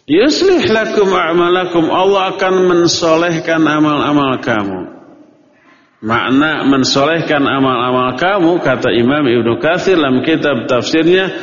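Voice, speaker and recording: A man preaches, his voice sitting slightly high. He moves between relaxed everyday speech and recited Arabic verses, often answering his own questions. The recording is dull and lo-fi, with a long echo from a big room. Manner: explains with questions he answers himself; casual everyday phrasing mixed with Arabic recitation. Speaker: Islamic preacher. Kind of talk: sermon-style religious lecture. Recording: echoey hall, dull lo-fi sound.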